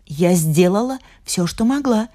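A woman's voice: fairly low pitch, expressive, measured pace, dark tone. A woman voicing a meek young heroine. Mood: pleading. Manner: pleading, earnest.

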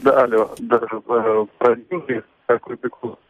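A man calling in to a radio show on a weak phone line, holding the phone away from his mouth so he sounds faint and distant, and speaking in hesitant, halting bits. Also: mid-range voice, little pitch movement. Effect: faint phone line, phone held away from the mouth. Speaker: radio caller.

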